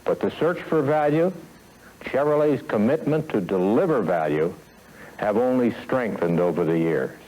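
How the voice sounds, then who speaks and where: An animated, mid-range American voice delivers a scripted sales training lecture as a company executive, formal and measured, with emphatic phrasing and deliberate pauses. The 1970s film soundtrack is lo-fi with slight background noise.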